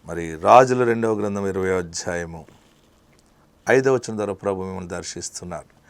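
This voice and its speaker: Gravelly-voiced male pastor preaching. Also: low voice, brisk, no echo. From India. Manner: emphatic preaching, swinging between hushed and loud. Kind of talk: sermon.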